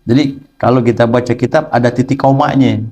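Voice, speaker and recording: A man's voice: mid-range voice, steady tone, brisk, warm tone. A man teaching a religious text lesson, explaining playfully with rhetorical questions. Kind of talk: kitab study lesson.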